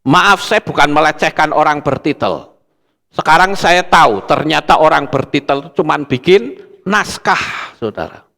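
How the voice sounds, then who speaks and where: Gravelly-voiced man preaching in a hall. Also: a little high, moderate pace. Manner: addresses congregation as "saudara", animated storytelling. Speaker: pastor. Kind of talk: sermon. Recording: long hall reverb.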